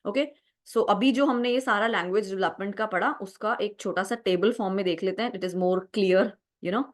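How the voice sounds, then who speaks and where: A woman's voice: mid-range voice, moderate pace. A young adult woman teaching an exam-prep lecture, explaining step by step, mixing Hindi and English, and often asking "right?". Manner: explanatory, mixes Hindi and English, frequent "right?" check-ins.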